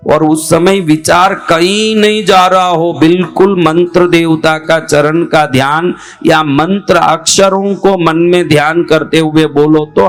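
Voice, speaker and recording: Slow, higher-voiced man teaching. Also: gravelly. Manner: slow, repeats key phrases and asks rhetorical questions. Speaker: spiritual teacher. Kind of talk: spoken religious instruction. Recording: faint music behind.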